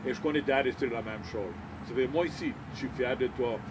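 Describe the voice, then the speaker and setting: A man's voice: medium pitch, brisk. Cajun French man, hesitant, over background noise. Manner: hesitant, repeats words, mixes in English. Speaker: interviewer. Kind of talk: casual conversational interview. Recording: clear vehicle and outdoor background noise.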